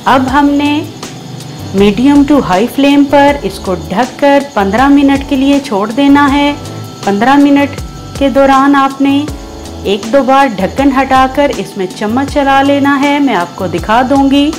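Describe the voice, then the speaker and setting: A high-voiced woman with a Pakistani Urdu accent hosts a cooking show at a measured pace. She explains each recipe step patiently and shows real enthusiasm for the food. The recording is a voice-over with soft music in the background.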